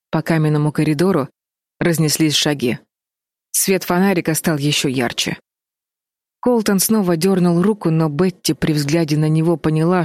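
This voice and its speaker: Low-voiced woman reading a story. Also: a little mellow, no room sound, studio quality. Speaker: audiobook narrator. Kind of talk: scripted narration.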